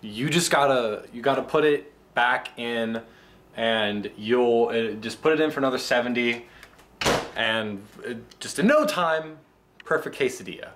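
A man in his twenties with a medium-pitched voice hosts a comedic mock cooking segment in his home kitchen, delivering it in a halting, deadpan way. Someone standing nearby holds the camera, whose mic picks up noisy audio and room sound.

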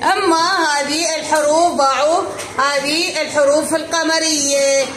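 A woman's voice: high-pitched, steady tone, normal speed, a bit bright. A woman with an Iraqi Arabic accent teaching young children a lesson, coaxing and affectionate. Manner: coaxing, affectionate, calls pupils dear. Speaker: primary school teacher. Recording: echoey room with background noise.

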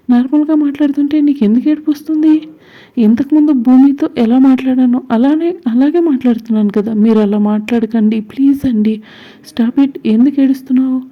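A woman's voice: a little high, narrow, tinny audio, close to an everyday voice. A woman voicing a cold young man who scolds with repeated questions.

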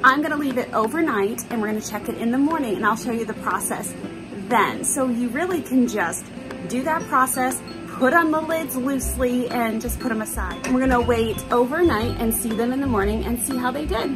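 A woman's voice: fairly high pitch, a little fast, over music. A woman in her thirties gives a chatty, upbeat how-to walkthrough while working in her home kitchen, talking into a phone held at arm's length. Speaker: DIY homemaking vlogger. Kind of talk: casual how-to narration. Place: home kitchen and laundry room.

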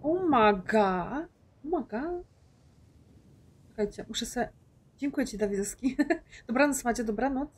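A woman's voice: fairly high pitch, expressive, normal speed, pauses often, darkish tone, slightly rough. A woman casually commenting on her game for viewers, chatty and often confused about where to go. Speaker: gaming streamer. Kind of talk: casual let's play commentary.

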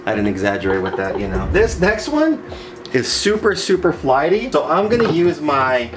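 A man's voice: on the high side, sing-song, normal speed. A man in his thirties or forties talking casually and enthusiastically to viewers as he presents animals, with slangy superlatives. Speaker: snake breeder presenting his collection. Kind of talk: casual video showcase to viewers. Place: small indoor reptile rack room. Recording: noisy room ambience.

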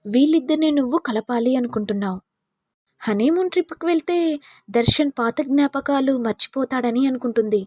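A woman's voice: high voice, a little fast, darkish tone, dry recording, highs cut off. A woman voicing a jealous, scheming young sister-in-law with mocking, sly asides.

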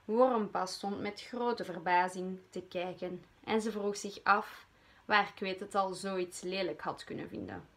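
A woman's voice: medium pitch, a little slow, a bit bright. A Flemish woman teacher reading a storybook aloud to children.

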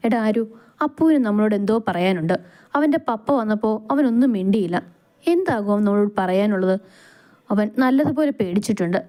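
A woman's voice: mid-range voice, expressive, a little fast, warm tone, lightly acted. A woman voicing a young man, a firm, protective company boss. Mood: earnest.

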